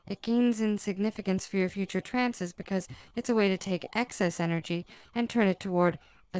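A woman hypnotist speaking in a slow, measured, hypnotic way through a scripted hypnosis recording. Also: fairly low pitch, smooth, no room sound.

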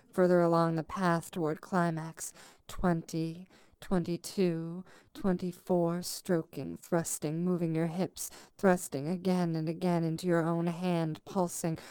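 A woman giving slow, soft, repetitive hypnotic narration close to the mic, counting steadily. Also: fairly low pitch, clean tone, dry recording. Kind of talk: scripted erotic hypnosis narration.

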